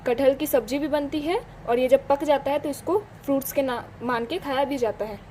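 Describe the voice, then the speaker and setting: A young woman teaching a simple vocabulary lesson, spelling out words slowly letter by letter. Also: high voice, mellow, slight background noise, poor audio.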